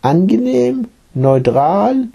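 A man voicing a gentle, patient male meditation teacher who explains his practice in a read-aloud story. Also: high-pitched, sing-song, extremely slow, gravelly, breathy edge, voice pushed up, exaggerated voice.

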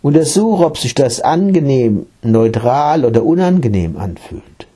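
A man voicing a gentle, patient male meditation teacher who explains his practice in a read-aloud story. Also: medium pitch, very animated, measured pace, husky, pitched above the performer's own voice.

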